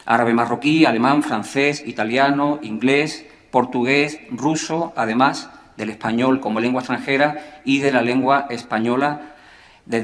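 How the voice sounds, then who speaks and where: A man giving a formal conference closing speech as a university language policy director, measured and hesitant at times with self-corrections. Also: medium pitch, in a large hall. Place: conference hall.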